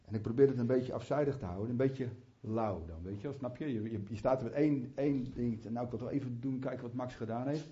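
Speaking quickly with few pauses, a man with a warm, medium-pitched voice delivers a fervent, conversational sermon. Chatty asides and restarts break it up, and he often rises into heartfelt prayer. The sound is muffled and lo-fi.

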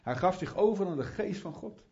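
Male preacher, fervent and chatty, slightly high voice with a mellow tone, muffled lo-fi recording. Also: animated, a little fast. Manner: fervent, rising to prayerful fervor; chatty asides, restarts. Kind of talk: sermon. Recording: muffled lo-fi sound.

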